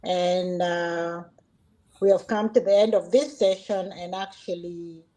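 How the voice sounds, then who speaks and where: Slow, hesitant woman hosting a session. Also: on the low side, fairly even intonation, dark tone. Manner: hesitant, pausing often. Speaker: host. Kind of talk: unscripted thanking and sign-off to viewers.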